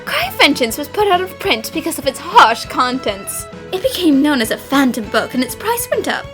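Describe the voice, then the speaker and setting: Overacted anime dub detective girl, excitable, bright high voice, bit of music behind. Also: normal speed. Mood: excited. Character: excitable, theatrical young female detective. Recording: voice over faint music. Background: faint music.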